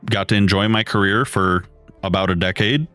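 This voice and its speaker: A man in his thirties chatting casually with his live chat while building, relaxed and rambling. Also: on the low side, normal speed, smooth, dry recording. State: has the hiccups. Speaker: streamer. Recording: dry close mic, faint music behind.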